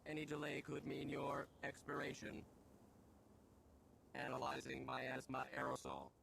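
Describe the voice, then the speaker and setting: An actor voicing a calm male medical care robot in a video game, who speaks in stiff, precise machine phrases while reassuring his patients. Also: medium pitch, a little slow, creaky, slight background noise. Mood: calm, formal. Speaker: game character.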